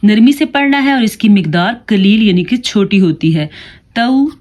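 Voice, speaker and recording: A woman teaching beginners to read the Quran, spelling out each Arabic syllable and repeating it slowly, with quick explanations in between. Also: mid-range voice, animated, a little mellow.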